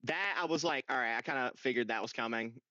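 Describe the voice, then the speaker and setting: A young man in casual podcast chat, telling a game story with excitement and frequent swearing. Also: mid-range voice, quick pace, no room sound. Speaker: podcast co-host. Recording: dull lo-fi dry sound.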